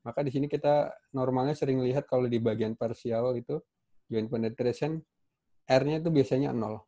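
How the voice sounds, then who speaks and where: Male welding instructor with an Indonesian accent, mellow tone, loose and halting delivery, computer mic on a call. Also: mid-range voice, fairly even intonation. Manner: casual, halting, many fillers and restarts. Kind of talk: online class lecture. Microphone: computer mic on a video call.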